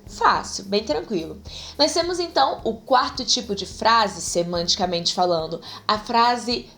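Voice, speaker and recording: A woman grammar teacher giving a chatty, lively video lesson and often speaking straight to her viewers. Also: medium pitch, measured pace.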